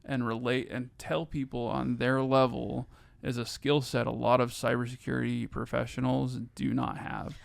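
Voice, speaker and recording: A man's voice: medium pitch, flat delivery, normal speed, creaky, dry recording. A man co-hosting a podcast, talking in a dry, joking, plainspoken way in casual chat.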